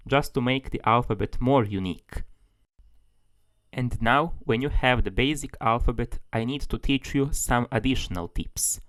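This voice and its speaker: A man's voice: mid-range voice, fairly bright tone, dry recording. A man giving a tutorial as a language tutor, explaining things steadily, step by step.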